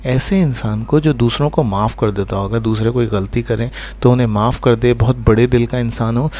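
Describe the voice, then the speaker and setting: A man teaching English vocabulary in a lesson. He explains each word, checks in with "right?" after each point, and slows right down to pronounce the English words. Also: medium pitch, darkish tone.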